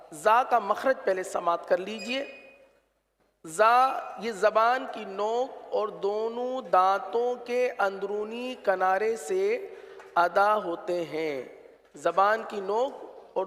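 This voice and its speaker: A man teaching the pronunciation of letters for Quran recitation, slow and patient, drawing out each sound to demonstrate it. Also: high voice, fairly bright tone, in a large hall.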